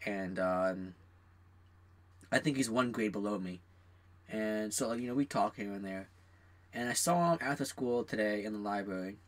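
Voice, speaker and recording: A young man co-hosting a casual podcast, telling animated stories about work and acting out what people said. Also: fairly low pitch, moderate pace, long pauses. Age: young adult. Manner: animated storyteller, rants, acts out quotes. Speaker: podcast co-host. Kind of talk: casual chat.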